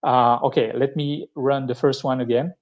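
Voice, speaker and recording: A man with a French accent talks an online audience through a live technology demo. His voice sits in an ordinary middle register. He explains things patiently, pausing often to gather his thoughts as he goes. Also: mid-range voice, steady tone, highs cut off. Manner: explanatory, thinking aloud with many pauses. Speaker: tech speaker giving a live demo. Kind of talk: live-streamed tech presentation.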